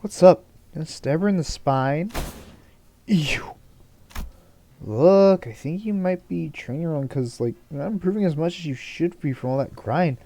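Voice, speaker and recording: A man voicing a brash young man who teases loudly in slang. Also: fairly high pitch, a little slow. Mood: teasing. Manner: loud, mocking, slangy.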